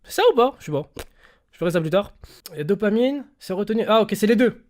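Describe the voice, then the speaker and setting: Young guy streamer, animated storyteller, slangy chat. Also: high voice, fast. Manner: animated storyteller, slangy, swings between loud bursts and quiet mumbling. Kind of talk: casual livestream chat.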